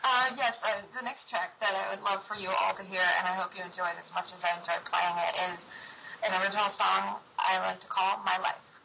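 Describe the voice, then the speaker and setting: A woman's voice: mid-range voice, fairly even intonation, fairly quick, creaky, noisy background. A young American woman, a guest singer-songwriter, chatting casually and giggling often between phrases. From United States. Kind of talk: casual interview chat.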